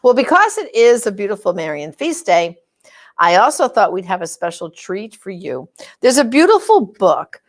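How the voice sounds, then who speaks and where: Speaking at medium pitch, a middle-aged woman presents a devotional talk on her religious program. She explains things conversationally and leans on important words.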